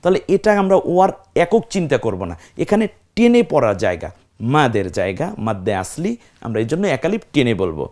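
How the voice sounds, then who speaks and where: A man's voice: medium pitch, very animated, a little fast, a little mellow. A man teaching a step-by-step recitation lesson, spelling out letters, stretching vowels to demonstrate, and answering his own questions to the class. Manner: asks the class questions and answers them himself.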